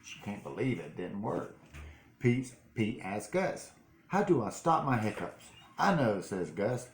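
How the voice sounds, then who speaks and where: A man's voice: on the low side, very animated, measured pace. An older man with a grandpa voice, playfully reading a picture book aloud and chatting as a grandfather does with a young child. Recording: roomy home recording, some noise.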